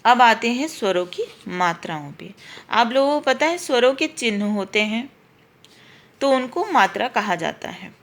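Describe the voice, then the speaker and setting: A woman's voice: a little high, lively intonation, moderate pace, fairly bright tone. A woman teacher giving a patient grammar lesson to schoolchildren, spelling out letters one by one and repeating her explanations. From India.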